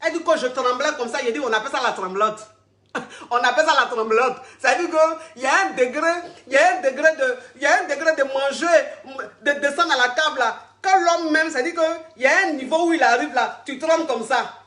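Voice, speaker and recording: A woman's voice: sits high, fairly quick, fairly bright tone, reverberant. A woman, coaching callers on a live stream in a crude, teasing, repetitive way and often laughing. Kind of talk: livestream advice chat.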